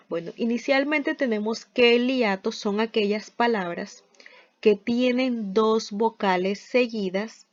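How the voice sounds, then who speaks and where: Patient woman teaching a spelling lesson. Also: a little high. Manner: patient, explains step by step with examples; often starts sentences with "entonces". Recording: dull lo-fi recording.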